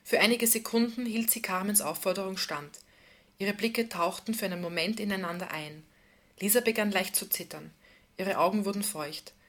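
A woman reading a novel aloud in calm, intimate scripted narration. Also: mid-range voice, moderate pace. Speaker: audiobook narrator.

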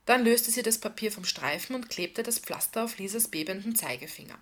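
A woman reading a novel aloud in a calm, even storytelling delivery. Her voice sits at an ordinary middle pitch, measured and steady. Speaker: reader.

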